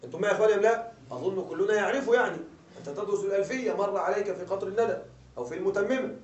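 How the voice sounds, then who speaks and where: Guy with a really high voice lecturing a class, keeps asking if everyone's with him, roomy far-off dull recording. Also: rapid-fire. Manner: keeps checking with listeners, repeating questions. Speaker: grammar teacher. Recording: echoey dull room sound from afar.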